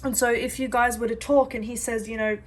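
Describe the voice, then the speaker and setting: A woman doing a psychic reading for a client in a slightly high voice. She talks in an earnest, reassuring, chatty way and keeps saying what she sees. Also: little pitch movement, a little fast. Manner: earnest and reassuring, repeats "I do see"; chatty, with many fillers and restarts. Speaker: psychic reader. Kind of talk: reading coffee grounds to a client.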